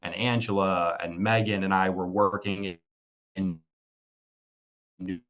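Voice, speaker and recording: Brief: man presenting at a staff meeting over a video call; the audio keeps cutting out and the level jumps around; low voice, halting delivery. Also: fairly even intonation, fairly bright tone. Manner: halting, with frequent fillers and restarts. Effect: audio cutting out and dropping in volume over a video call. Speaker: build program lead presenting at a staff meeting.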